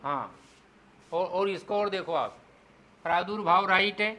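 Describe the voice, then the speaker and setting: A man teaching Hindi spelling in an exam-prep lecture, explaining step by step and slowing down to spell out syllables. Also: sits high, pushed and bright, slight background noise. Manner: explains step by step, asks the class "clear?".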